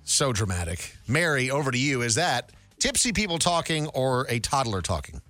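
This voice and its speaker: A man's voice: mid-range voice, sing-song, moderate pace, pushed and bright, dry recording, faint music behind. A male radio host running a light call-in guessing game with upbeat, joking banter. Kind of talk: casual radio game segment.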